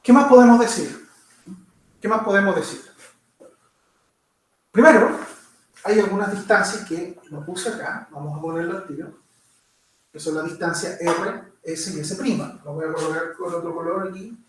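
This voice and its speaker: A man's voice: high voice, moderate pace, long pauses. A man giving a physics lecture, walking through steps and checking understanding with constant tag questions. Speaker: physics teacher. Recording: very echoey room, mic far off.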